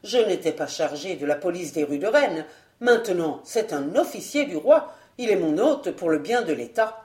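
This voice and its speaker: A woman voicing a scheming, hot-tempered male nobleman in an audiobook, blustering and then falsely smooth. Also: lowish voice, animated, normal speed, a little mellow, echoey room, close to an everyday voice.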